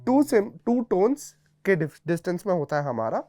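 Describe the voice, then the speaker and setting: A man's voice: high-pitched, very animated, moderate pace, dark tone, no room sound. A man teaching a guitar theory lesson, explaining patiently step by step and checking in with his students often.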